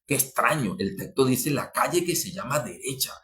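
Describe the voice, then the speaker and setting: On a podcast, a preacher speaks at normal speed with animated fervor, addressing his audience. His voice jumps abruptly in pitch and loudness, and he often repeats or restarts phrases.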